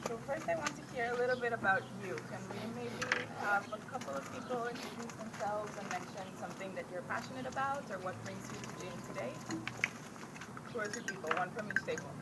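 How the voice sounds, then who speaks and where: A young woman from Mexico leading an informal conference workshop, soft-spoken and casual, with many filler words. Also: medium pitch, a little fast. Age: young adult. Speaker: workshop speaker. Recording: noisy room with a far-off mic.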